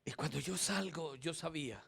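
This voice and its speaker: A middle-aged man preaching a sermon, telling his own testimony with dramatic swings from hushed to loud. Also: on the high side, normal speed, gravelly, slightly rough.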